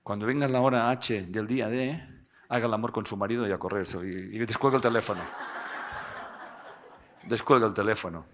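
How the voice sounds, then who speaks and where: Animated man lecturing, bright voice. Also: on the low side, a little fast, pauses often. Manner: animated, tags phrases with "¿eh?" and jokes with the audience. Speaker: speaker giving a seminar. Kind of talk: live talk to an audience.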